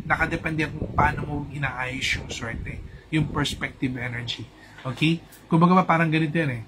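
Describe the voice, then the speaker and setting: A man's voice: a little high, moderate pace, a bit bright, slight background noise, low-quality recording. Chatty Filipino male feng shui coach. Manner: chatty, mixes in English, asks "di ba?" often. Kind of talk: casual live talk to an audience.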